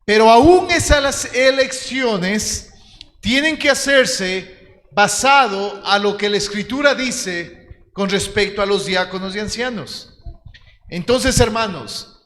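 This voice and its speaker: A man's voice: high-pitched, takes it slowly, a bit bright. A man, preaching a teaching sermon in an earnest, direct way and calling his listeners brothers. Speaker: pastor. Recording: long hall reverb.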